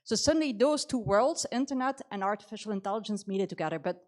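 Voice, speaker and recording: This middle-aged woman speaks fast and expressively in a mid-range voice. At a conference she gives a motivational talk about her career, conversational and thick with "you know", in Belgian-accented English with a slight New Zealand flavor.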